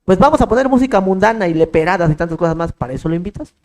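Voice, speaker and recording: A man's voice: high voice, expressive, racing, darkish tone, poor audio. A man preaching a sermon, firing off rhetorical questions and acting out bits of dialogue. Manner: emphatic, rhetorical questions, acts out quoted dialogue.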